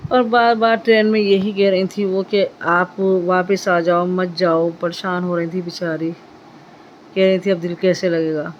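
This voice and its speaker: A woman's voice: fairly low pitch, little pitch movement, unhurried, muffled recording, slight background noise. A middle-aged woman, chatting casually to her vlog viewers and often thanking God. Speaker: vlogger. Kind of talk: casual vlog chat to camera.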